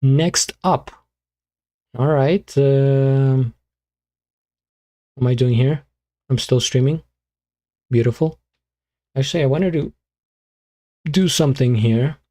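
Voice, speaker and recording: A man streaming live, chatting casually and muttering to himself as he fiddles with his streaming software. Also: mid-range voice, slow, long pauses. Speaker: beatbox streamer.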